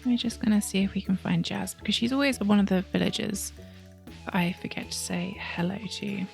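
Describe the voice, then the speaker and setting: A woman hosting a let's play, chatting casually through her game and sometimes dropping into soft whispered asides. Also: mid-range voice, a little fast, creaky, faint music behind.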